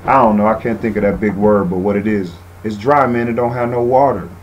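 A man with a lowish, steady voice hosts an online radio show, speaking fairly quickly over lo-fi sound. He reads passages aloud and then comments loosely in a casual talk-radio style, often finishing lines with "man."

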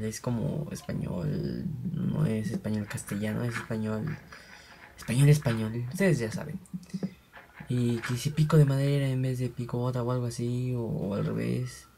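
A man's voice: mid-range voice, steady tone, normal speed, creaky, warm tone, slight background noise. A young man, rambling in casual gameplay commentary and voicing digging sounds aloud. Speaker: gaming channel host.

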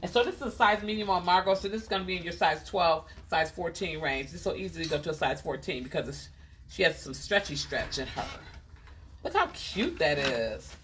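A woman's voice: fairly low pitch, lively intonation, a little fast, fairly bright tone, slight background noise. A woman hosting a casual live clothing sale from a boutique, chatty and repeating item numbers and prices. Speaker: host selling clothes on a live stream.

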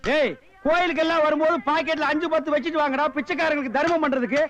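An actor playing a sharp-tongued man who sarcastically scolds and mocks a group of beggars in a film comedy scene. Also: very high voice, steady tone, fast. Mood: mocking. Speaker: comic film character. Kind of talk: Tamil film comedy dialogue.

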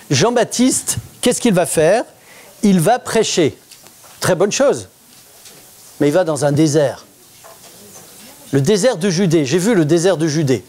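A middle-aged pastor preaching a sermon in church, lively and conversational, often asking the congregation questions. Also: male voice, fairly high pitch. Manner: interactive, asks the congregation questions.

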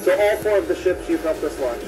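A man's voice: a little high, animated, a little fast, distant mic, background noise. Upbeat man touring a ship laundry. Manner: upbeat, frequent "yeah" affirmations. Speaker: cruise line presenter. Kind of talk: guided tour interview. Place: ship laundry room below deck. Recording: from off-mic, music under.

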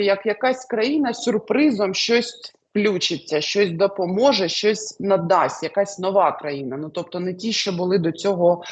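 Woman tarot reader, husky tone, halting delivery with fillers, answering an interviewer. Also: fairly low pitch, lo-fi sound. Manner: hesitant, many fillers, lively rises. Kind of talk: interview answers, fortune-telling.

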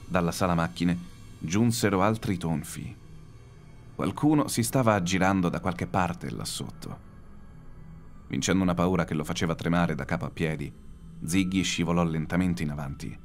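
A man's voice: sits low, moderate pace. A man narrating a horror audiobook in a dramatic, suspenseful way. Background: faint background music.

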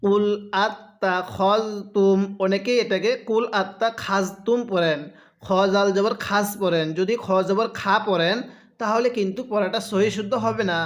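A man teaching Quran reading step by step, patiently asking and answering his own questions between slow, drawn-out chanted recitations. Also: high voice. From Bangladesh.

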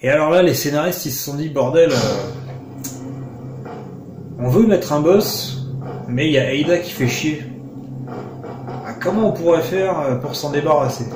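A man commenting on a video game he plays, joking and sarcastic, breaking into excited outbursts. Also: a little high, unhurried, long pauses, background noise. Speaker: let's play commentator. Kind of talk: casual gameplay commentary. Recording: roomy sound with game music behind.

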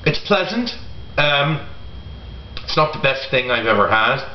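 A middle-aged man giving a casual product review to camera in a halting way, pausing often. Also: medium pitch, big pitch swings. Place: home kitchen, indoors. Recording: roomy echo, dull sound, faint noise.

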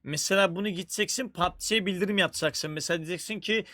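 A man's voice: sits high, fast talker, pushed and bright, no echo, clean studio sound. A man chatting casually on a game livestream, joking around and swearing constantly. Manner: crude, profane, joking banter. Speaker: game streamer.

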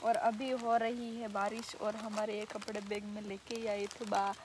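A woman's voice: mid-range voice, level tone, normal speed, noisy background. A young woman vlogging outdoors on a rainy hillside, talking to viewers through a phone camera held at arm's length. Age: young adult. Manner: chatty, addresses viewers directly. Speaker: travel vlogger. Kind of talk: casual travel vlog.

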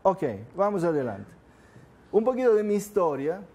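An older man from southern Italy, a native Italian speaker, gives an informal seminar talk to a class as the course speaker. His voice is high, mellow, and expressive at a normal speed, and he keeps the tone conversational, often asking the room questions.

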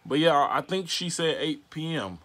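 An American man in his twenties doing a casual prank vlog, talking in a slangy, halting way to a phone and camera in a bedroom. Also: a little high, lively intonation, sharp tone. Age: 20s. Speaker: prank caller and video host. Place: small bedroom, indoors. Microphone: device mic at arm's length.

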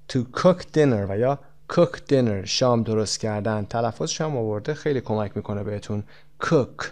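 A man teaching an English textbook lesson, explaining quickly and then saying the example phrases slowly and clearly. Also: medium pitch, darkish tone. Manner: switches between quick explanations and slow, stretched-out example phrases.

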